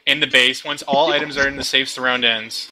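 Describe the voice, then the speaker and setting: A man on a group voice chat, reading out game rules and walking his friends through the controls. His voice is very bright and forward, and his tone is casual and patient. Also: medium pitch, steady tone, brisk, low-quality recording. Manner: instructive, explaining controls step by step. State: talking over group voice chat.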